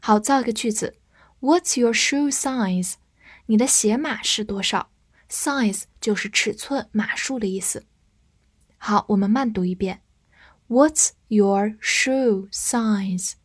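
A woman with a fairly high voice teaches English vocabulary at an unhurried pace. She explains in Chinese and reads each English example slowly before repeating it. The sound is close and dry. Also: dry recording. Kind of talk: vocabulary lesson.

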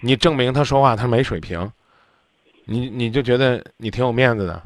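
A man's voice: medium pitch, normal speed, dry recording. A man hosting a radio call-in advice show, blunt and lecturing as he scolds the caller. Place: radio studio.

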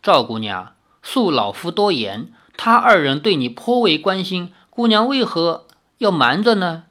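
A reader voicing an elderly male healer who speaks in a formal, measured, old-fashioned way. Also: medium pitch, big pitch swings, fairly bright tone. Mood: grave. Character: elderly male village healer, courteous and grave.

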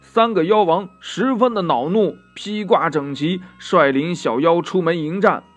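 A man narrating a children's story in a lively storytelling manner, drawing out the ends of his phrases. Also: high-pitched, a little slow. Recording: faint music behind.

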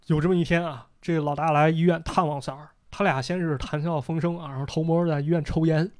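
A man's voice: fairly high pitch, steady tone, quick pace, darkish tone. A man hosting a podcast, casually retelling a story and voicing the characters' lines as he goes. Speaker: podcast host.

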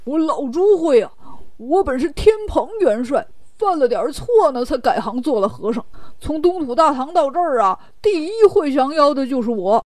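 A woman's voice: high voice, animated, a little fast, dry recording. A woman voicing Zhu Bajie, a bragging pig monk. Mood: boastful. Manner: bragging, comically lazy. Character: boastful greedy pig-headed male monk.

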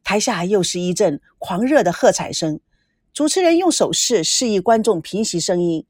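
A woman narrating a story with a lively, expressive reading. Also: mid-range voice, normal speed, husky, no room sound, studio quality. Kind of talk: scripted narration.

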